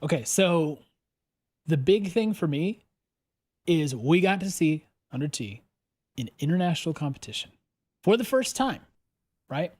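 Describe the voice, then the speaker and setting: A man's voice: a little high, big pitch swings, measured pace, pauses often, darkish tone. A man co-hosting an esports podcast, speaking with hyped enthusiasm. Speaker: podcast co-host. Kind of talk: casual podcast chat.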